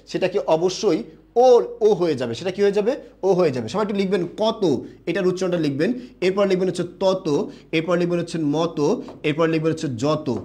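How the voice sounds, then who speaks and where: Young man, live online teacher, fairly high voice, asks and answers his own questions. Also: a little mellow. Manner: asks questions and answers them himself, reads viewer comments.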